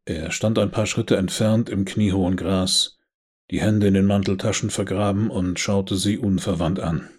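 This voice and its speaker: Low husky German audiobook narrator. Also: male voice, steady tone, normal speed, a little mellow.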